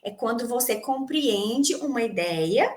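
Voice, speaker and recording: Woman, high voice, Brazilian Portuguese accent, English teacher, class lecture, rhetorical questions. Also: lively intonation, unhurried, a little mellow. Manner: explains to students, asks them rhetorical questions.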